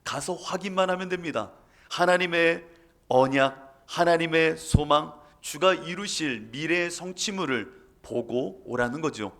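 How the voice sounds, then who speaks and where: Male pastor preaching, high-ish gravelly voice, tells it dramatic. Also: unhurried, fairly bright tone. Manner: dramatic storytelling, emphatic. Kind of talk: sermon.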